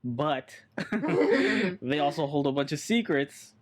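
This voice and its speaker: A man's voice: a little high, expressive, takes it slowly. A man co-hosting a podcast in casual chat, loose and joking, swearing and repeating himself. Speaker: podcast co-host.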